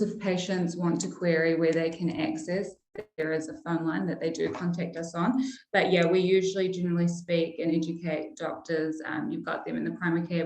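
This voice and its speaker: A young adult woman from Iraq, a pharmacist and sales manager, answering interview questions in a friendly, chatty way with frequent ums. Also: fairly low pitch. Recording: roomy echo.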